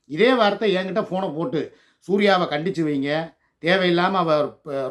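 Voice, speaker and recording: Older man, high-pitched voice, emotional vlog rant, scolding, pleading, loud. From Tamil Nadu, India. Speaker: channel host.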